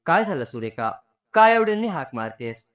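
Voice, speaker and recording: A man voicing an older mother who gently consoles her daughter-in-law in a storybook narration. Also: on the high side, sing-song, brisk, voice pushed up. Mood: puzzled. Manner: soothing, affectionate.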